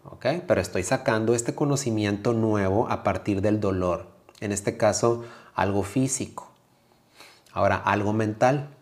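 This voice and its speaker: Calm Mexican man, low voice. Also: a little slow. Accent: Mexican Spanish. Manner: calm, reflective, speaks straight to the listener with frequent "¿sí?" checks. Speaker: yoga teacher and podcast host. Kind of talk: motivational podcast monologue.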